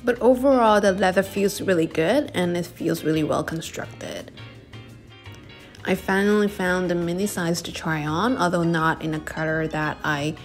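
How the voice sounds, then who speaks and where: A woman's voice: fairly low pitch, fairly even intonation, normal speed, soft background music. A young woman narrating a casual shopping vlog in a chatty, descriptive way. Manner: chatty, descriptive, reviewing products. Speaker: vlogger.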